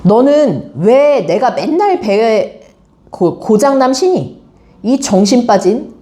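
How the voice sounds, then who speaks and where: A woman's voice: high voice, animated, normal speed, a little mellow, pitched above the performer's own voice. A woman voicing a fiery middle-aged woman who scolds her friends angrily in Jeju dialect. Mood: angry. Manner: angry scolding, rough dialect.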